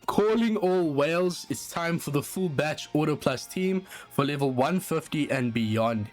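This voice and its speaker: A man's voice: mid-range voice, a little slow. A man with a South African accent hosting a gaming channel, casually walking through a team strategy with frequent filler words. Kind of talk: game strategy walkthrough. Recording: voice-over with faint guitar music underneath. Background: faint background music.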